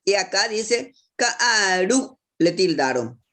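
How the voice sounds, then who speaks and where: A woman teaches a language class in an unhurried, deliberate way, with a voice of ordinary middle pitch. She quizzes her pupils one by one and answers them with praise. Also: a bit bright. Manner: asks questions and praises answers. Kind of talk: classroom instruction.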